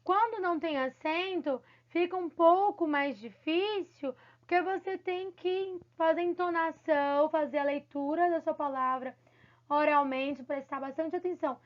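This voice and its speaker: A woman's voice: sits high, measured pace, muffled recording. A woman teacher giving a recorded lesson to children, encouraging and affectionate, often checking in with her pupils. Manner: encouraging, affectionate, repeats "tá bom?".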